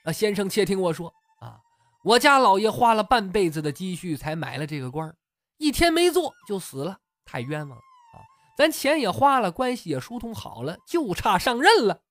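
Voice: medium pitch, big pitch swings, normal speed, fairly bright tone, dry recording, pitched above the performer's own voice. A storyteller voicing a scheming old male secretary who pleads in flowery, old-fashioned speech. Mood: pleading.

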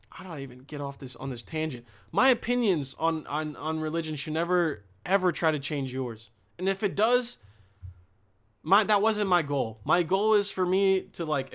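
This young Bosnian man rambles through a casual monologue, swearing a lot, using slang and restarting his sentences. His voice is a little high with a fairly bright tone.

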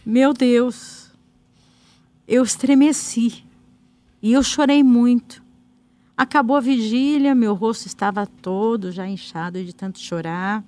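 A woman's voice: a little high, slow pace, a little mellow, no room sound. A woman with a Brazilian Portuguese accent, a guest singer telling her personal faith testimony in an earnest way, acting out the dialogue. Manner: storytelling with quoted dialogue, earnest.

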